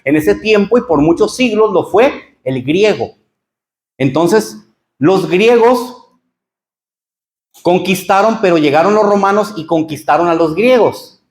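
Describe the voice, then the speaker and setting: High-voiced Mexican pastor teaching Bible class. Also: male voice, animated, unhurried, roomy sound. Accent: Mexican Spanish. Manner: explanatory, addresses listeners as brothers. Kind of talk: church Bible lesson. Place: church hall.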